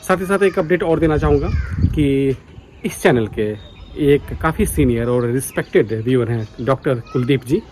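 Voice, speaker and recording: Outdoors on a foggy morning, an Indian vlogger and radio enthusiast talks casually and earnestly to his viewers, mixing in English words. His medium-pitched voice keeps a normal speed against a noisy background.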